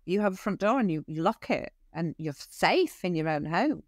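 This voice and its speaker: A middle-aged woman with a fairly low voice speaks as an expert guest in a casual interview. She talks in an animated way, slipping into little acted-out dialogues and restarting her sentences. The sound is close and dry. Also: normal speed, no room sound. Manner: animated, acts out quoted dialogue, many restarts. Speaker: equine behaviour expert guest.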